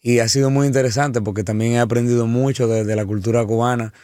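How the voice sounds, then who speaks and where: A man's voice: mid-range voice, fairly even intonation, quick pace, darkish tone, no echo, studio quality. A man, a singer, chatting eagerly in an interview, often repeating and restarting words. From Dominican Republic. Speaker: singer guest. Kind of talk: casual interview chat.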